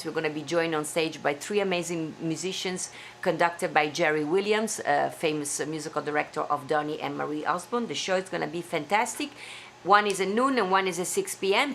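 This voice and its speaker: A woman from Italy, hosting a live stream at home, signs off in a warm, chatty rush of accented English with small mistakes. Her lowish voice has a fairly bright tone, and the recording picks up a little hiss or hum.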